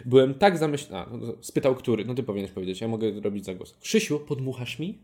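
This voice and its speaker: A man's voice: lowish voice, lively intonation, fast talker, dark tone. A young man co-hosting a podcast, reading his part of a fan story aloud and cracking jokes in between. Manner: playful, joking, breaks off to comment. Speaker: podcast co-host.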